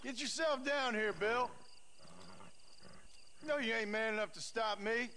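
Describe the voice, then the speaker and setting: An actor playing a determined, grim ex-outlaw gunslinger in a western game, dry and defiant, with an American accent. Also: male voice, very high voice, unhurried, slight background noise, exaggerated voice. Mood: grim, urgent. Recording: loud music and effects behind.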